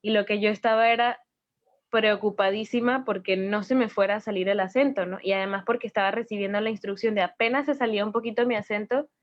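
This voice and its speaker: A woman's voice: medium pitch, steady tone, fast, dry recording, muffled recording. A woman with a Venezuelan accent, speaking thoughtfully with some hesitant restarts in an interview. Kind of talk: casual video-call interview.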